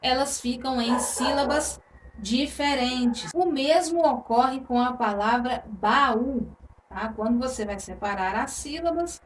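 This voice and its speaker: Brief: woman, teacher, high bright pitch, unhurried patient delivery, echoey room mic set back. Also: distant mic, a little hiss or hum. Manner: slow, patient, drawn-out words, frequent "tá?". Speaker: Portuguese teacher. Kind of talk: exam-prep grammar lesson.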